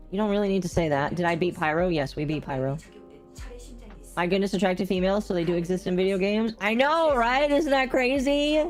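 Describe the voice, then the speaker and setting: A woman's voice: on the low side, a little mellow. A woman streamer chatting casually while she plays a game, her voice run through a robotic voice changer that makes it sound metallic. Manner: chatty, amused running commentary. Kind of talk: casual live-stream chat while gaming.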